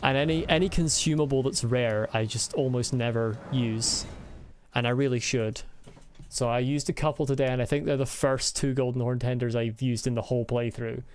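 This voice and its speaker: A man's voice: medium pitch, steady tone, moderate pace, slight background noise. A man giving playful, chatty commentary while playing a video game, yelping whenever he gets hit. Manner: playful, chatty, yelps at hits. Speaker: gaming channel host. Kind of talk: let's-play commentary. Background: game music.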